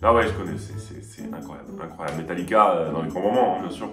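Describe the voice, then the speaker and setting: Young male YouTuber, fairly deep voice, laid-back chatty delivery, roomy echo with faint music behind. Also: quick pace. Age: 20s. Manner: chatty and relaxed, addresses viewers directly. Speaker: YouTuber answering fan questions. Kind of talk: casual chat.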